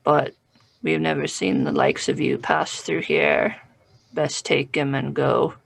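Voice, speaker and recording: Man playing a blunt, gruff hobgoblin guard. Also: a little high, steady tone, slow pace, a bit bright, full character voice. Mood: gruff, matter-of-fact.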